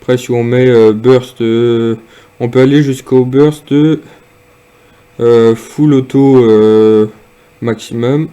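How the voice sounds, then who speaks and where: A man casually demonstrating and reviewing a piece of gear, speaking hesitantly with frequent pauses and fillers. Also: mid-range voice, steady tone, warm tone, clean tone. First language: French. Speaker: product reviewer.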